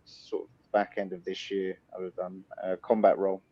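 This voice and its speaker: A man's voice: low voice, moderate pace, no echo, lo-fi sound. A man in his late thirties, a guest on a panel chat, answering plainly and hesitantly. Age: 30s. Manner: plain, hesitant, flat delivery. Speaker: guest, company CEO.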